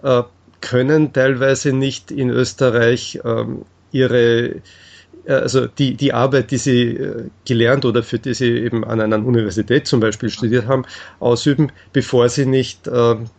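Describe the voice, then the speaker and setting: Being interviewed, this man speaks at a middling pitch, working through his explanations in a measured way full of hesitations. He sounds flat, a little mellow, and there's vocal fry in his voice.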